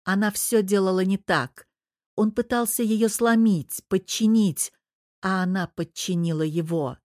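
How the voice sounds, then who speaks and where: A woman narrating an audiobook in a steady, even storytelling manner. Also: medium pitch, a little slow, no echo, studio quality. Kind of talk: scripted narration of a romance novel.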